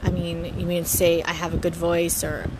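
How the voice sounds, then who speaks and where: The speaker is a podcast host in her thirties, from Hawaii, casually opening her show from home over a noisy background. She talks at a normal speed in a lowish, monotone voice, repeatedly stammering, restarting and breaking into giggles.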